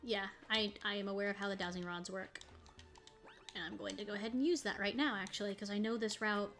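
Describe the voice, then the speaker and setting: A woman's voice: medium pitch, fairly even intonation, fast talker, a bit bright, soft background music. A woman streaming a video game, chatting casually and rambling as she plays, often breaking into laughter. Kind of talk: casual gaming commentary.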